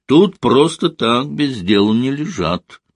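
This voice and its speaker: A man's voice: medium pitch, expressive, slow, breathy edge, dry recording, voice pushed up, exaggerated voice. Casting: a man doing a curt, scolding nurse in an audiobook, a woman with a stone face, dry close sound. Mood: stern. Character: stern stone-faced female maternity ward nurse.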